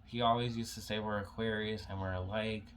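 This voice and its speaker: A young man telling a personal story in a casual vlog, halting and emotional, full of "like" fillers, holding back tears. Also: fairly low pitch, level tone, a bit bright, a little hiss or hum.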